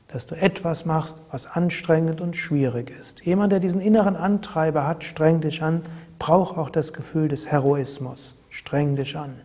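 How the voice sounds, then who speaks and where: A man giving spoken self-help tips as host, in a calm, measured way that repeats key phrases. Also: a little high, slightly rough. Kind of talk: spoken advice talk.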